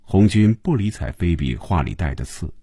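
A man reading a novel aloud as narrator, with an expressive storyteller's delivery. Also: low voice, normal speed, breathy edge, no room sound, clean studio sound.

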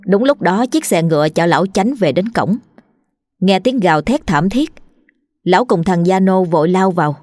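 Female ghost-tale narrator, steady and lowish, soft music under her. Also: no echo. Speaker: storyteller.

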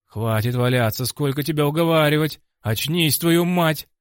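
Casting: a man doing a barking cornerman, higher and louder than the narrator, audiobook. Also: big pitch swings, slow, no room sound, studio quality. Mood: shouting. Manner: barking, urgent. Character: loud gruff male fight second. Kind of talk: audiobook character voice.

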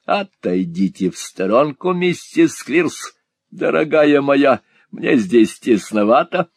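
A man voicing a cruel, bullying male schoolmaster who snarls and mocks, his voice turning shrill in rage. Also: animated, slow, dry recording, clean studio sound. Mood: menacing. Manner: snarling, mocking, shrill when enraged.

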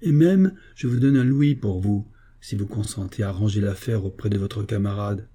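A man reading the part of a cunning, cheeky young man from the Paris streets who talks in a brisk, scheming way. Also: lowish voice, mellow, natural voice. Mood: coaxing.

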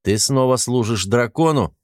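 A man reading an audiobook, voicing a calm male angel who speaks in measured, sorrowful reproach. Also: mid-range voice, dry recording, clean studio sound, close to an everyday voice.

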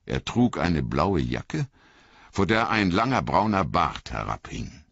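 A man reading a story aloud as scripted narration, slow and expressive, in a dull, lo-fi recording. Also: sits low, gravelly, no echo. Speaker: audiobook reader.

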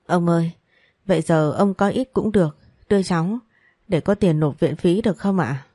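A woman's voice: lowish voice, moderate pace, mellow, slightly rough, dry recording, studio quality. A woman voicing a desperate young woman worker who pleads urgently for her wages. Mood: pleading.

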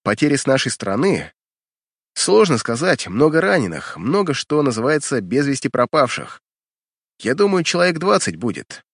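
A man's voice: medium pitch, big pitch swings, moderate pace, fairly bright tone, breathy edge, no echo, clean studio sound, exaggerated voice. A man voicing a loyal guardsman who reports deferentially to his young master in an audiobook. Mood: sober, reporting.

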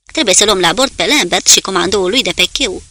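A woman's voice: medium pitch, pushed and bright, no room sound. A woman voicing a male submarine commander giving curt battle orders in an audiobook. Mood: commanding. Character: male naval officer shouting battle orders.

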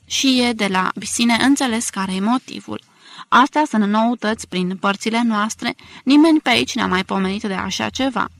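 A woman's voice: on the high side, gravelly, dry recording. A woman reading the lines of a proud, chatty male innkeeper who likes to stir up talk, in an eager, slightly raised voice.

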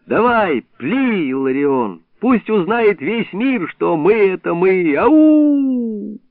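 A man's voice: high voice, animated, slow pace, no room sound, pitched above the performer's own voice, exaggerated voice. A man voicing an eager, affectionate young male village schoolboy, recorded dry with a narrow, phone-like sound. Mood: rowdy. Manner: eager, exclaiming.

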